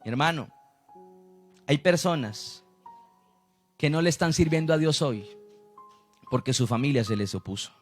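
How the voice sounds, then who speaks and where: A man's voice: mid-range voice, lively intonation, fairly quick, darkish tone, soft background music. A man, preaching a sermon as a pastor, who acts out the people he quotes.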